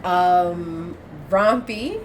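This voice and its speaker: A woman hosts a live stream talk show in a somewhat low voice. She prompts her guests with friendly questions. Steady background noise is clearly heard behind her. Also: drawn-out words. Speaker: host.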